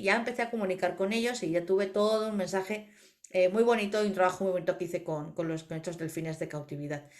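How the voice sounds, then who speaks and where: Una mujer con acento de España que conversa en un pódcast y narra anécdotas con viveza. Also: female voice, mid-range voice. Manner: animated storyteller, acts out quoted voices. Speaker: podcast co-host, animal communicator. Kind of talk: casual podcast conversation.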